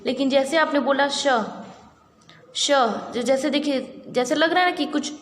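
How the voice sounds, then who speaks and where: A woman teaches a grammar lesson for exam preparation, her voice set a touch high. She talks patiently, repeats the key points and keeps asking whether her listeners follow. The room is echoey, with a long reverb tail and faint noise underneath. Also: a little fast.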